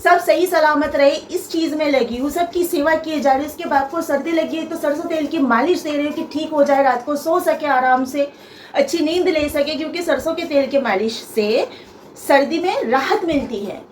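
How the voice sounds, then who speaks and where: A young woman with a high voice pours out a personal grievance on her vlog, emphatic and full of stops and restarts. Her voice rings around a bare, echoey room, with a faint hum of ambient noise behind it. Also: moderate pace. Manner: aggrieved, emphatic, repeats herself with many hesitations. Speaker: vlogger.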